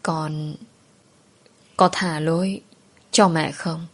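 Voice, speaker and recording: A woman's voice: sits low, fairly even intonation, exaggerated voice. A woman voicing a sobbing, remorseful old mother-in-law. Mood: tearful remorse. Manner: broken, halting, sobbing speech.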